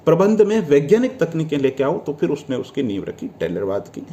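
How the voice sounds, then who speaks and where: A man with a lilt leads an exam-prep lecture in a slightly high, mellow voice. He works through each point by asking a question and answering it himself. Now and then he tells the class to learn a definition by heart. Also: wildly swooping pitch, brisk. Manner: addresses students as friends, tells them to memorize. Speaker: exam coaching teacher.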